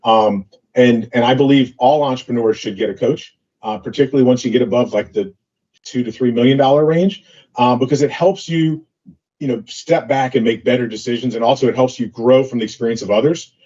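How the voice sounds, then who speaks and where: A man's voice: medium pitch, brisk, darkish tone. A man talking as an interview guest, telling business anecdotes in a loose, filler-heavy way. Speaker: entrepreneur guest. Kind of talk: casual interview storytelling. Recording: dull lo-fi audio.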